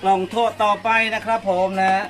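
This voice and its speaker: This vlogger's voice is high and fairly flat in pitch, moving at a moderate pace. Chatting casually in front of a coffee shop, he packs orders for his fans and tacks polite particles onto each phrase in a live vlog.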